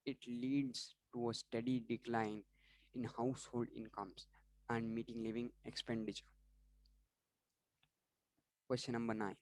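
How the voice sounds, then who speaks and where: A man's voice: fairly low pitch, darkish tone, no echo, low-quality recording. A man going through exam questions and answers for students in an online revision lesson, often restarting words and apologizing for slips. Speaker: online tutor.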